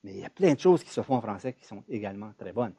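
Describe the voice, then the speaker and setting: A university professor with a Quebec French accent talks off the cuff at an academic event. His voice is mellow and relaxed, and he often stalls on small words before going on. The sound is dry and close. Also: lowish voice, fast talker, husky, no echo. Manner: hesitant, restarts with repeated words. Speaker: university professor giving a talk. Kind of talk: spontaneous academic talk.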